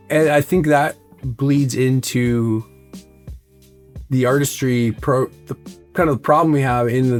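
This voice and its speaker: Rambling candid man in a studio interview. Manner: rambling, animated, full of "like" and "right?"; mimics fans in high excited voices. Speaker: musician interviewee. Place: recording studio.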